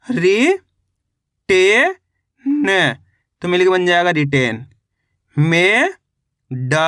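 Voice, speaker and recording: A man's voice: high-pitched, bright, forceful tone, smooth, dry recording, studio quality. A man teaching beginners to read by sounding out words syllable by syllable, in a patient, drilling manner. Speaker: Hindi reading teacher. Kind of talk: spelling lesson for beginners.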